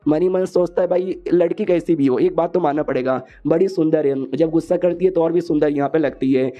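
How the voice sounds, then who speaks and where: A man's voice: a little high, a little fast, mellow, muffled recording. A man narrating an anime story recap in a slangy, jokey way, voicing every character himself. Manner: slangy, jokey, repeats filler "yahan pe".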